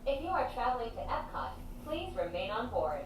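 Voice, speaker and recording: A woman giving a calm, polished, soft welcome announcement, played back over a cabin loudspeaker. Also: fairly high pitch, brisk. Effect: cabin loudspeaker playback. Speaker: recorded announcer. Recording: echoey loudspeaker heard from far off with background hum.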